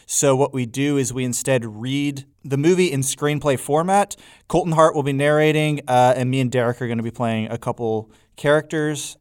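A man's voice: medium pitch, clear, resonant tone. A man co-hosting a comedy podcast in casual chat, with a dry, easygoing manner. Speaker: podcast co-host.

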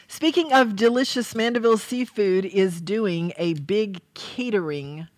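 A woman's voice: medium pitch, takes it slowly, a little mellow, dry recording. A woman hosting a radio talk show in casual chat, repeating phrases for emphasis. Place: radio studio.

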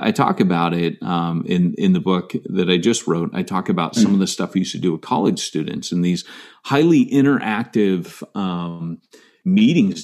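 A man's voice: low voice, darkish tone. An American man, middle-aged, a pastor telling his own story in an interview, earnest and self-deprecating, with many fillers and restarts. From United States.

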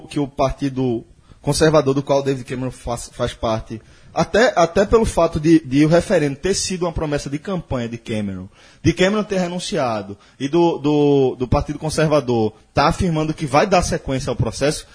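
A man's voice: medium pitch, a little mellow, slightly rough. A man hosting a casual podcast, explaining the topic at length and often tagging his sentences with short questions. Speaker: podcast host.

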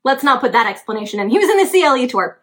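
A woman's voice: sits high, very animated, racing, breathy edge. A woman co-hosting a podcast, talking casually and upbeat and laughing easily. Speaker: podcast co-host and producer.

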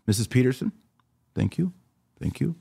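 Addressing his listeners directly, a forties-something American man hosts a podcast and casually works through their comments. His medium-pitched voice is creaky, dark and husky with lively intonation at normal speed, and the recording has no echo.

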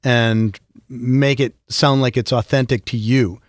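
A middle-aged man who voices for a living, talking as a podcast guest in an animated, storytelling way with frequent restarts. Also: mid-range voice, unhurried, no echo, studio quality. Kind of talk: casual conversation.

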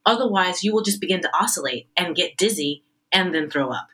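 A woman's voice: fairly low pitch, expressive, brisk, a bit bright, breathy edge, rough recording. A woman, a stage actress, chatting animatedly in an interview and often cutting herself off mid-sentence. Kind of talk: anecdotal interview storytelling.

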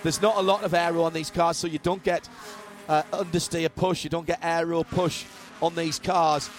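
A man commentates on live motorsport in a high-pitched voice. He gives vivid play-by-play with dry, wry humour. Race cars and trackside noise are clearly heard behind him. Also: flat delivery, moderate pace. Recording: trackside broadcast with loud engine noise. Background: racing cars and trackside ambience.

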